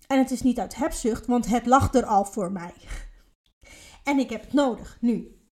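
A woman's voice: fairly high pitch, normal speed, darkish tone. A woman co-hosting a podcast, explaining her ideas in casual chat with earnest repetition and emphasis. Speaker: podcast co-host.

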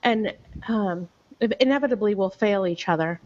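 A woman's voice: mid-range voice, moderate pace, a little mellow. A woman co-hosting a faith-based talk show, earnest and reflective, explaining her views like a short sermon. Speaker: podcast co-host and author. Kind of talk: casual faith-based chat. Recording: slightly muffled audio.

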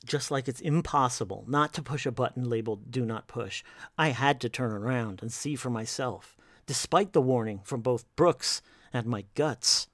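Guy narrating a creepy story, slow and hushed, dry close recording. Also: mid-range voice, no echo.

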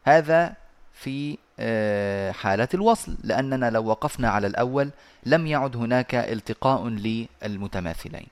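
Male recitation teacher on a voice call, mid-pitched voice, halting explanations with pauses, chants quoted verses. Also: animated. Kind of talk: online lesson explanation. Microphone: online voice call.

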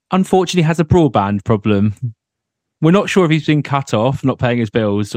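A man with a mid-pitched voice hosts a podcast in casual conversation. The sound is dry and close, with no room around it. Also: darkish tone, no echo. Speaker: podcast host. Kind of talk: casual chat.

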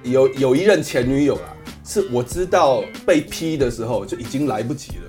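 A man's voice: medium pitch, a little fast, a little mellow, faint music behind. A man on a radio chat, telling personal stories candidly and poking fun at himself. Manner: candid, self-deprecating storytelling. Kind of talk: casual studio chat.

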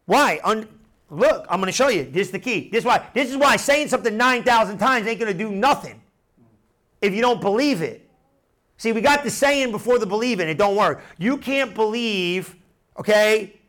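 Middle-aged male pastor, high-pitched voice, lively sermon delivery with call-and-response repetition. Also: normal speed. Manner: animated preaching with repeated phrases and congregation call-and-response.

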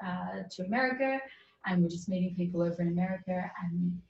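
A woman, a podcast guest, telling a personal story in a casual, earnest, animated way and laughing often. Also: fairly low pitch, fast talker, creaky. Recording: roomy, distant, dull sound.

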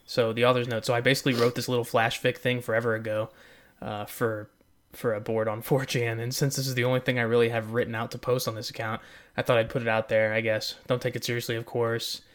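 A man's voice: mid-range voice, flat delivery, fast. A man with a mid-range voice co-hosting a comedy podcast. He reads fan fiction aloud with a straight, mock-earnest delivery. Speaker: podcast co-host. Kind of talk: comic reading of fan fiction.

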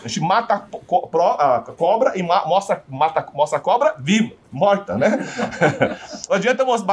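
A man's voice: high voice, husky. A man with a Brazilian Portuguese accent giving a sales training talk, often putting rhetorical questions to his audience.

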